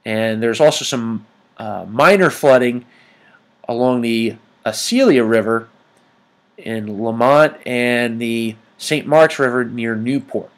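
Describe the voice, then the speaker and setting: A man presents an informal weather report over maps, speaking haltingly with frequent ums as he goes. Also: medium pitch. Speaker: amateur weather report host.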